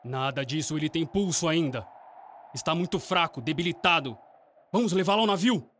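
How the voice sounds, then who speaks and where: An actor playing an earnest Arctic explorer leading an expedition in a radio drama. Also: male voice, on the high side, normal speed, pushed and bright. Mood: urgent, commanding. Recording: clearly noisy background ambience.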